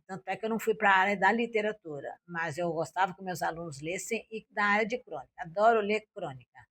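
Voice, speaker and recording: A woman's voice: medium pitch, fast talker, fairly bright tone. An older woman from Brazil, a former school principal and Portuguese teacher, telling classroom stories in an interview and acting out her own and her pupils' lines. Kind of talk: interview, recalling classroom experiences.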